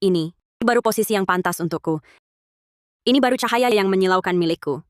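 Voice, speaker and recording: Woman voicing a nasty jealous rich girl in a dubbed drama, sharp sneery voice, dry studio sound. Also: medium pitch, a little fast, dry recording, natural voice. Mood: smug. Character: spiteful scheming young woman, shrill when cornered. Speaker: spoiled jealous sister. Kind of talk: dubbed short-drama acting.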